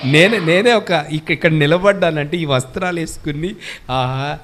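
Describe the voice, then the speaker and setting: A man's voice: a little high, normal speed, fairly bright tone. A male pastor giving a Good Friday sermon in an emphatic preaching manner, firing questions at the congregation and urging them to answer aloud.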